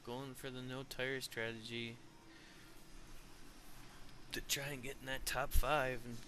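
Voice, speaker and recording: A weary man calls the laps of a sim race in a flat, even voice that picks up when the cars bunch up. Engine noise and a steady hum sit clearly behind him. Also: medium pitch, unhurried. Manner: steady play-by-play, rising when racing gets close. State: tired, yawning. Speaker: race commentator. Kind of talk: sim racing play-by-play commentary.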